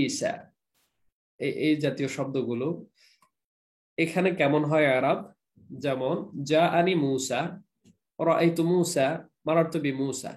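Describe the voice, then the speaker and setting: A man with a Bangladeshi Bengali accent giving a classroom grammar lecture, slowly repeating examples and drilling word forms. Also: a little high. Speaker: Arabic grammar teacher.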